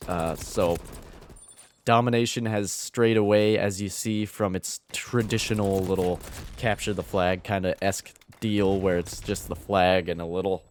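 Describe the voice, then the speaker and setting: A man with a fairly low voice talks through his gameplay in a relaxed, chatty way. His voice still sounds groggy from the early morning. A faint hiss sits under the recording. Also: measured pace. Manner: easygoing, chatty. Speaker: gaming video creator. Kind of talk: gameplay commentary voice-over.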